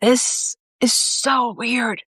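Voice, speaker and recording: A woman's voice: fairly high pitch, fairly even intonation, drawn-out words, fairly bright tone, husky, dry recording, studio quality, voice pushed up, full character voice. A woman reading aloud as a weary, regretful man, puzzled and questioning as he faces things he does not understand. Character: weary, regretful grown man, confused newcomer.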